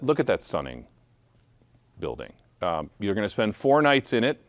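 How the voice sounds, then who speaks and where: A man with a deep, low voice runs a benefit auction, calling bids and tossing in playful jokes as he goes. The sound is dry and close, with no room echo. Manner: playful, joking asides between bids. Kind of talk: live charity auction calling.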